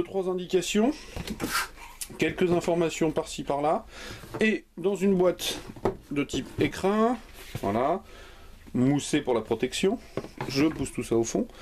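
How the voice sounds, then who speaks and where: A man with a slightly high voice hosts his hardware channel, talking through an unboxing in a loose, joking way. There's a faint hiss in the background of the recording. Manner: jokey, lively, chatty. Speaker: host of a hardware video channel. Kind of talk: unscripted unboxing commentary.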